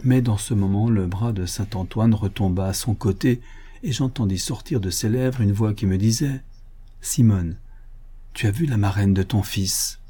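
A man's voice: lowish voice, moderate pace, warm tone, husky. A man reading a storybook voices a poor, devout peasant mother who sighs and pleads in distress. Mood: dreamy wonder. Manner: pleading and tearful.

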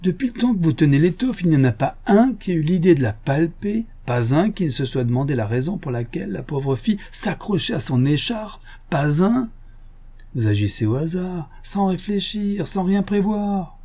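A man reading the part of a cocky, mocking gentleman thief in an audiobook, taunting and condescending. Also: fairly high pitch, lively intonation, normal speed, pitched above the performer's own voice.

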